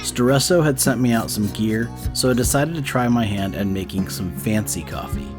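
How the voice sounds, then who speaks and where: A man narrates a camping vlog in a scripted voice-over at a medium male pitch. Plucked guitar music plays clearly behind his voice. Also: normal speed. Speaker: camping vlogger.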